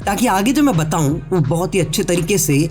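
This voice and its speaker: An expressive, high-pitched male voice with a darkish tone comes in fairly quick over soft background music. Stuffy-nosed and sore-throated, the anime theory YouTuber casually explains things straight to his viewers, mixing in English words, in a voice-over recorded on its own.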